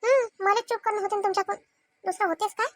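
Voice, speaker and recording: Cartoon: very high, rapid-fire nagging village wife, a woman voicing her, Vidarbha Marathi accent, sarcastic. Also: fairly even intonation, a little hiss or hum. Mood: quarrelsome. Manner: scolding, sarcastic. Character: sharp-tongued quarrelsome village wife. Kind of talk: cartoon family comedy.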